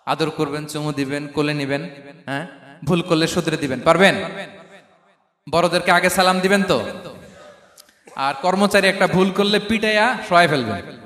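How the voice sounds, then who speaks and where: A male preacher giving an impassioned sermon that swings up into shouts and calls out questions to his listeners. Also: a little high, moderate pace, long pauses. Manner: impassioned, rising to shouts, addresses the crowd. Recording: echoey hall with long reverb.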